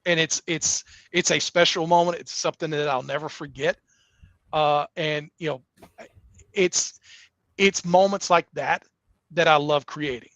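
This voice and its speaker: A man's voice: fairly high pitch, steady tone, measured pace, fairly bright tone, no room sound. A middle-aged man, a wrestling promoter, talking earnestly in a casual interview, often restarting his sentences. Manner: earnest, rambling with many restarts.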